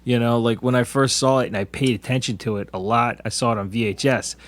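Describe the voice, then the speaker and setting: A man's voice: medium pitch, steady tone, fast, no room sound. A man in his forties co-hosting a casual movie discussion, chatty and eager to point out small details he noticed. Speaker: podcast co-host.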